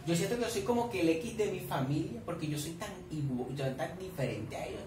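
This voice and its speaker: A man's voice: on the high side, fairly quick. Gossipy young Colombian man reacting. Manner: animated, gossipy, addresses viewers playfully. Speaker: reaction vlogger. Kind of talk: casual reaction commentary. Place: at home with family nearby. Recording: echoey room, distant mic, faint noise.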